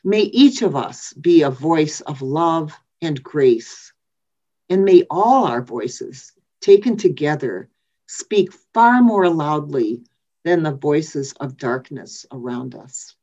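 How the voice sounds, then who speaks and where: Woman, preacher, sermon, measured and reflective, lowish voice, dull lo-fi sound. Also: expressive, dark tone. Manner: measured, reflective, with thoughtful pauses. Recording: dull lo-fi recording.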